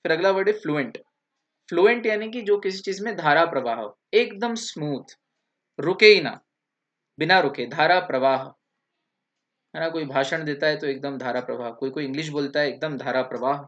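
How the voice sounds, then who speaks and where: Man teaching vocabulary, fairly high voice. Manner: lists synonyms and spells words out, often adds "hai na". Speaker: English teacher. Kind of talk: classroom vocabulary lecture.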